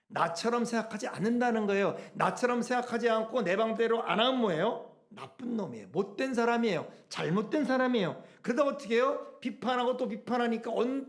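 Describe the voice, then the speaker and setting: A middle-aged man preaching a sermon as pastor, asking rhetorical questions and acting out quoted speech. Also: high voice.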